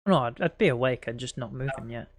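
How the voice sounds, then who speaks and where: A man's voice: mid-range voice, fast talker, no room sound. A man playing a tabletop game, jokey and mock-theatrical in his banter. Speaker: player. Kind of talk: playful in-character banter.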